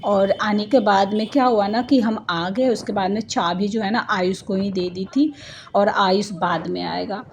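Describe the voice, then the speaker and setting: A woman's voice: mid-range voice, steady tone, unhurried. A woman in her thirties from India tells her day as a family vlogger, in a loose, rambling, talkative flow. She keeps dropping little fillers and homely side remarks. A faint hiss of background noise sits under her voice. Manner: chatty and rambling, with many fillers and homely asides. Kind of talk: casual vlog narration.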